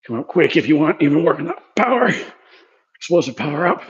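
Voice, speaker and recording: A man's voice: on the high side, sing-song, fairly quick, muffled recording. Winded man talking through a workout. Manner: chatty and loose, talking between sets. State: winded from exercising. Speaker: physiotherapy clinic presenter demonstrating a workout. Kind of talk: casual workout demonstration vlog. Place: gym.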